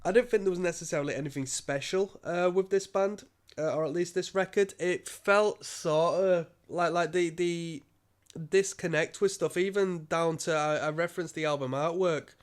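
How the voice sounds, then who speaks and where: Stuffed up from a cold, this man rambles through an informal album review, stumbling over ums and restarts and coughing now and then. His voice is a little high and clean, at an ordinary pace.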